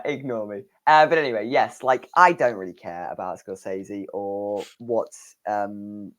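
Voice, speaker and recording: A man with a British accent co-hosting a film podcast, laid-back and a little dismissive, laughing at himself. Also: medium pitch. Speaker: podcast co-host. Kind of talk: casual film news chat.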